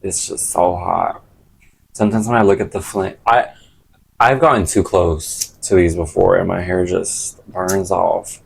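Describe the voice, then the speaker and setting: Male vlogger, low-pitched voice, loose sweary slang, casual rambling monologue. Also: steady tone, measured pace, creaky, a little hiss or hum, low-quality recording. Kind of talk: casual rambling chat to camera.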